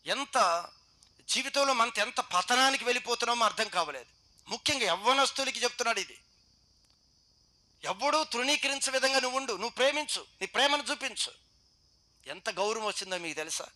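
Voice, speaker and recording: His voice sits high with lively intonation as this Telugu-accented pastor preaches to young people. He urges them on with a rapid stream of rhetorical questions, growing loud and then quiet by turns.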